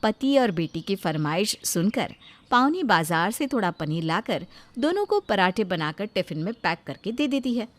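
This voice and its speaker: A woman calmly narrating a scripted moral story for a cartoon. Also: medium pitch, normal speed.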